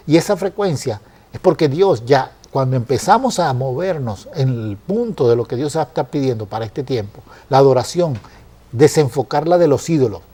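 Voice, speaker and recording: A man earnestly explaining Bible passages in a conversational study, often pausing with fillers and restarting phrases. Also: mid-range voice, warm tone. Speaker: Bible teacher.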